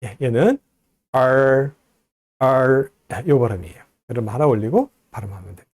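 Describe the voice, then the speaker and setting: A man giving a recorded lecture, explaining step by step and slowly modeling pronunciations. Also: medium pitch, big pitch swings, dark tone, slightly rough, dry recording.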